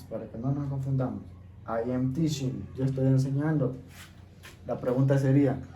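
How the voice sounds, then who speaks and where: A man teaching an English class, explaining each step slowly and patiently and checking in with his students. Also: medium pitch, mellow. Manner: patient, repeats steps, checks in with "¿ok?". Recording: echoey room, faint background noise.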